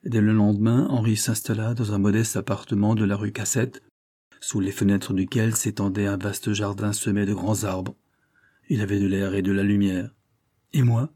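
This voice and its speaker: Man reading an old novel aloud, low voice, mellow and dark. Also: flat delivery, normal speed. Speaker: audiobook narrator. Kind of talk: scripted narration of a novel.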